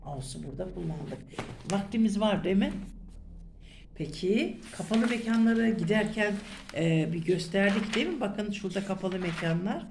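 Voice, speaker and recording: A middle-aged woman, a German teacher who gives a private lesson, drills questions and repeats words slowly. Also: mid-range voice, lively intonation, noisy background. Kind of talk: private lesson, explaining grammar. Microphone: phone camera over a notebook.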